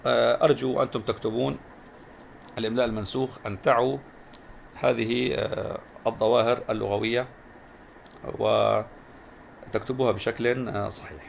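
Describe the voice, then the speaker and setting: Male teacher with a gravelly voice, spelling words out slowly for young pupils, faint noise behind. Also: medium pitch, steady tone. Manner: stretches and repeats syllables to teach spelling. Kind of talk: recorded primary school lesson.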